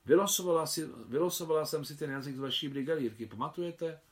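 A man's voice: fairly high pitch, pitched above the performer's own voice, natural voice. A man voicing a bold young Russian countess.

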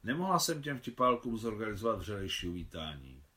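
A bold young noblewoman from Russia tells of her escape lightly and playfully, voiced by a male reader. She sounds bright-toned and sharp. It is a spoken audiobook. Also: lowish voice, big pitch swings. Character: Russian countess, young woman, bold and cool-headed.

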